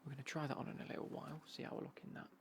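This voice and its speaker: A British man whispering in a casual, rambling ASMR unboxing style, breathy and hushed, with dry, understated commentary. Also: rapid-fire, a little hiss or hum. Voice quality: breathy, hushed whisper with creaky low murmur. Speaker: ASMR vlogger showing golf clothing.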